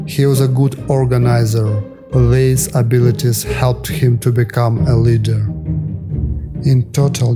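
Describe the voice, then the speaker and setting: A man with a medium-pitched voice reads a scripted documentary narration. His delivery is measured and even as he steadily works through facts and figures.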